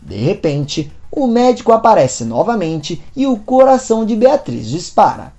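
A woman's voice: medium pitch, big pitch swings, moderate pace, mellow, lo-fi sound, soft background music. A woman narrating soap-opera summaries in a scripted, dramatic storytelling style.

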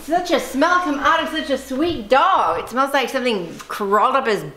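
A woman's voice: high-pitched, normal speed, bright, forceful tone, echoey room, slight background noise. A middle-aged woman chatting casually at home, picked up indoors by a handheld camera. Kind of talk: casual family chat. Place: indoors in a family house. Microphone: handheld camera mic, a little away.

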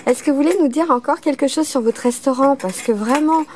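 A woman's voice: sits high, brisk, a little mellow, slight background noise. A woman hosting a casual on-site restaurant report, enthusiastic and full of praise, with many fillers. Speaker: host of a local restaurant report. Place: outdoor restaurant terrace, then a kitchen. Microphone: camera mic, speaker behind the camera.

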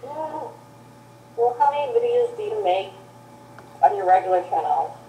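A woman joining a cooking vlog over a video call, teasing and lively. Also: on the high side, moderate pace, roomy sound, a little hiss or hum, low-quality recording.

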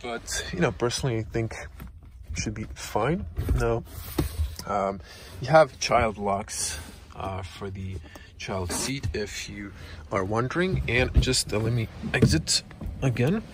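A young man, a native Croatian speaker, does a casual walkaround car review in a dealership showroom and inside a car, holding a camera close to his face. His voice is lowish with lively intonation, his non-native phrasing halting and full of fillers, with background noise behind him.

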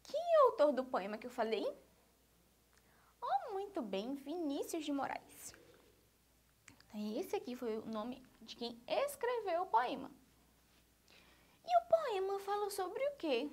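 A woman with a Brazilian accent teaches small children. Her voice sits high and swoops up and down with a sing-song lilt, and she keeps checking that they follow along. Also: huge pitch swings, unhurried, long pauses, a little hiss or hum. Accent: Brazilian Portuguese. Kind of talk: online lesson for young children.

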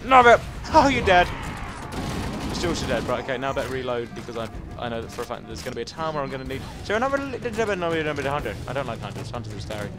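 A man's voice: medium pitch, very animated, racing. A young man commentating his own video game playthrough, chattering and repeating words in bursts. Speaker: gaming channel host. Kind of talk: excitable let's-play commentary. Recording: game music underneath.

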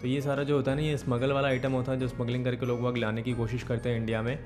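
A young man in his twenties hosting his channel, explaining to camera with a steady, brisk delivery that mixes in English words. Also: mid-range voice, over music. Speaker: channel host. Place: indoor studio with green backdrop. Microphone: desk microphone in front.

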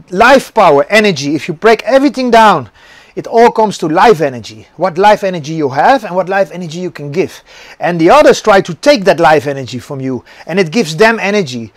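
A man's voice: high voice, dry recording. A middle-aged actor and stuntman giving an earnest motivational talk to viewers, often repeating words as he searches for them.

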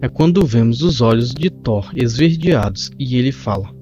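Man narrating a comic, warm voice. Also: medium pitch, moderate pace. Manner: steady storytelling, describing panels. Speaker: comic book reader. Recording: muffled lo-fi with faint music.

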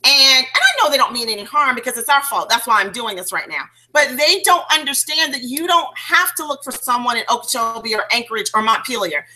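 Bright-voiced woman giving a sales training. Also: a little high, brisk, few pauses, low-quality recording. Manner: chatty, animated storytelling with filler restarts. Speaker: network marketing trainer. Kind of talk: recorded sales training call.

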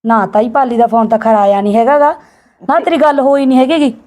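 A woman playing a blunt, fast-talking young village woman. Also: a little high, steady tone, a little mellow, lightly acted. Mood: scolding. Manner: blunt, scolding and insistent. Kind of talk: homemade family drama acting.

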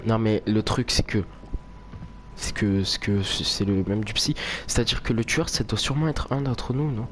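A man with a slightly low voice plays a horror game and commentates as a spooked, grumbling streamer. He rambles casually, jokes crudely and swears often. There is faint background noise. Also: normal speed. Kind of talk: casual let's play commentary. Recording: noisy home game recording. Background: horror game ambience.

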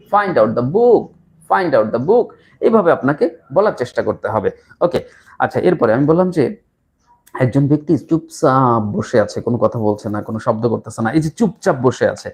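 A man teaching English in a live online lesson, repeating short phrases slowly and explaining each one. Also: a little high, vocal fry, darkish tone. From Bangladesh. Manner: slow, repetitive drilling of phrases with pauses. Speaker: English tutor.

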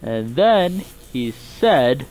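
Slow, rambling male gameplay narrator. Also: mid-range voice, big pitch swings, darkish tone, slight background noise. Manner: rambling, chuckling asides. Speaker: game video narrator. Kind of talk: casual improvised narration.

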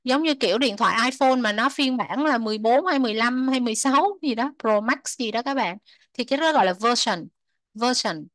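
Bright-voiced woman teacher. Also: on the high side, no room sound. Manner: repeats English words slowly and translates them; chatty, ends sentences with soft particles. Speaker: English teacher. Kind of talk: explaining a textbook lesson to children.

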